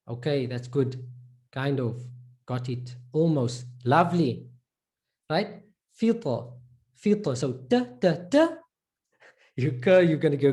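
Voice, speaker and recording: A woman leads a live online pronunciation lesson, patiently repeating each sound so her students can copy it. Her voice sits low and mellow. She swings her pitch widely as she models each sound. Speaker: Arabic teacher.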